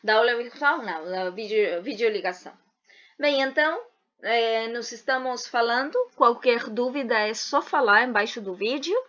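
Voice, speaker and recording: A woman teacher giving an online grammar lesson, talking slowly and deliberately and spelling out word endings. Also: fairly high pitch, fairly bright tone. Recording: dull lo-fi video audio.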